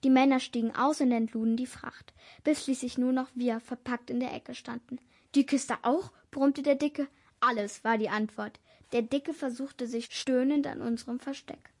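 A woman narrating an audiobook in a hushed, suspenseful way, now and then dropping to a whisper. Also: high-pitched, steady tone, moderate pace.

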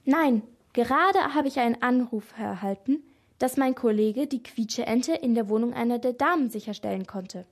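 Woman reading a stern older policeman, formal, firm, high voice, children's story. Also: normal speed. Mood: explaining.

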